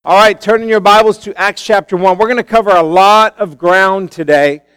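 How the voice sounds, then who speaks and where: A man's voice: high-pitched, steady tone, moderate pace, a bit bright, clean tone, no echo. A male pastor preaching a sermon into a pulpit microphone in a church, in a casual, conversational way with many fillers and restarts. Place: church sanctuary.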